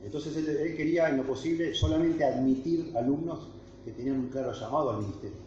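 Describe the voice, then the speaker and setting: A man's voice: on the high side, brisk, dark tone, slight background noise. A man with a Rioplatense Spanish accent, a guest pastor teaching a workshop at a camp, earnest and emphatic, often restarting and checking in with the room. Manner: earnest, emphatic, frequent restarts and tag questions. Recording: echoey hall, dull lo-fi sound.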